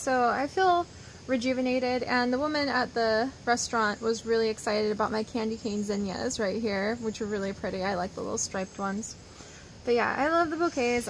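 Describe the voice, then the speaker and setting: Speaking into a phone or camera held close, a vlogger in her twenties chats casually with her viewers from an outdoor wooden deck, rambling and upbeat. Her voice is fairly high, with slight background noise and poor audio.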